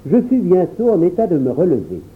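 A man giving an expressive first-person storybook narration as an audiobook reader. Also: sits high, brisk. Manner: expressive, lively reading. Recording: tinny phone-like sound.

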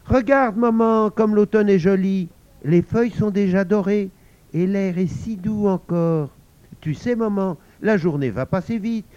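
A man voicing a sensible, bossy little girl who coaxes and scolds her mother gently, in a storybook reading. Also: high-pitched, a little slow, no echo, pitched above the performer's own voice. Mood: coaxing. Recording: dull lo-fi recording.

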